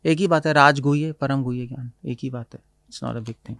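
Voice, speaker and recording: Male spiritual teacher, middle-pitched, dry close recording, explains verses mixing Hindi and English. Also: normal speed, vocal fry, fairly bright tone, no echo. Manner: mixes Hindi and English, quotes Sanskrit verses, laughs often. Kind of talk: explaining scripture in conversation.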